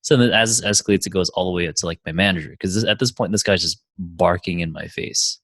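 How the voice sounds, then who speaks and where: A man's voice: low-pitched, quick pace, a bit bright, no room sound. A man co-hosting a podcast, telling a story in casual chat, rambling with lots of "like" and swearing. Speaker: podcast co-host.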